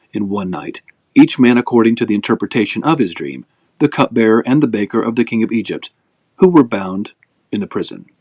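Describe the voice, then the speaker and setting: As host of a daily reading, a man reads scripture aloud as a narrative, his phrasing measured and expressive. His voice is medium in pitch, and the recording has no room sound.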